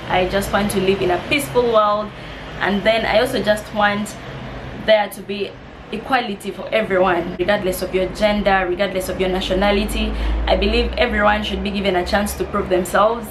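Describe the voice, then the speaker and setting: A woman in her twenties, roughly twenty and from East Africa, speaks in a mid-range voice with background noise. As a vlogger doing a casual Q&A, she reads get-to-know-me questions aloud, laughs softly, and replies in a friendly, slightly nervous way.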